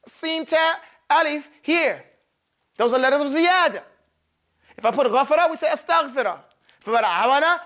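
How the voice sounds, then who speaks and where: A man's voice: very high-pitched, a bit bright. A man teaching an Arabic grammar lesson in a mosque classroom, quizzing his students and drilling terms by repeating them.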